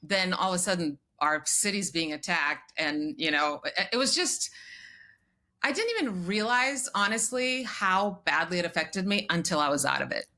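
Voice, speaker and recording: Woman, forties, from Croatia, guest on an interview show, tells her story briskly and laughs at herself, lowish voice with a bright edge. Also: expressive. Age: 40s. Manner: brisk and self-deprecating, laughs often. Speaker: podcast guest.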